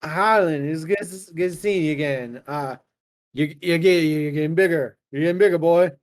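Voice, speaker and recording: Man doing a halting, tipsy old falcon-man uncle. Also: a little high, no echo, clean studio sound, natural voice. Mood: tipsy, fond. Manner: halting, stumbling, repeats himself. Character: inebriated, shambling one-armed falcon-man uncle.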